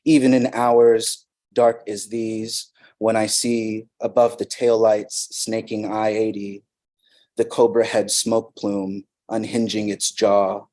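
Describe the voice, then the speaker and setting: Male poet, lower register, unhurried measured reading at a public reading. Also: level tone, darkish tone. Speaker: poet reading his work. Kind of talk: poetry reading. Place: arts center reading event.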